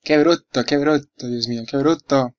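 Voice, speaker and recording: A young man giving excitable, swear-filled commentary while playing a racing game. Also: medium pitch, normal speed, highs cut off, slight background noise. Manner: excitable, swears a lot, reacts loudly to the race. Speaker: let's play gamer. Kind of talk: live gameplay commentary. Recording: game music behind the voice. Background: racing game music and sound effects.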